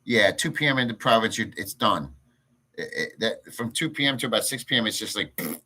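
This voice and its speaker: This host's voice is on the low side, pushed and bright with a breathy edge, fairly quick and lively in intonation. He rambles through a blunt, crude rant on a casual livestream, taking questions from chat at his home in a rural province.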